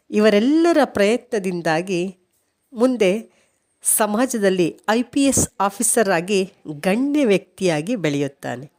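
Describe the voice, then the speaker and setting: Woman presenter, spoken intro to a school play, slow and measured, expressive pitch.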